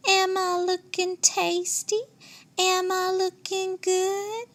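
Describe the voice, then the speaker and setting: A woman voicing a sassy young female possum in a storybook read-aloud, taunting in a high, sing-song way. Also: flat delivery, slow, fairly bright tone, exaggerated voice. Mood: teasing.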